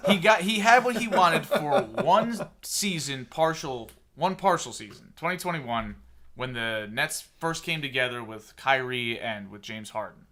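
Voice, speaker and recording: A man's voice: medium pitch, expressive, a little slow, bright, forceful tone. A man in his thirties hosting a casual sports podcast, opinionated and sarcastic as he rants. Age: 30s. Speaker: podcast host.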